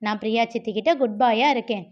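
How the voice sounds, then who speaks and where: A woman's voice: a little high, fairly even intonation, quick pace, darkish tone, close to an everyday voice. A woman voicing a small boy who tries to sound grown-up, earnest and dutiful, in a read-aloud novel on a slightly dull recording.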